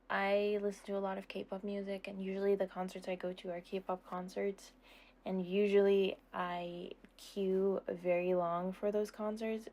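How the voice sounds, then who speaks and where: Answering questions from her subscribers, this young content creator keeps things loose and chatty, rambling and giggling as she goes. She's a young adult woman with a lowish, slightly mellow voice.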